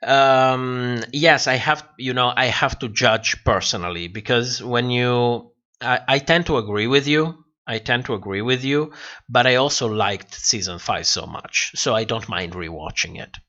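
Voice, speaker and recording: Expressive and forceful, the medium-pitched, bright voice of this livestream host runs a little slow. He handles viewer comments casually and ramblingly, repeating phrases as he thinks. The audio is dull.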